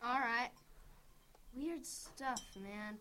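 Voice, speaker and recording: A woman's voice: fairly high pitch, extremely slow, pushed and bright, voice pushed down, full character voice. A woman playing a suspicious teenage schoolboy who yelps and protests in alarm. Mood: casual.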